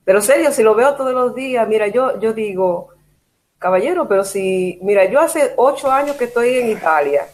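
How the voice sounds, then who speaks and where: A woman's voice: on the high side, moderate pace. A woman from Cuba with a Cuban Spanish accent, a guest telling stories in casual chat over a video call. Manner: animated storytelling, quotes herself.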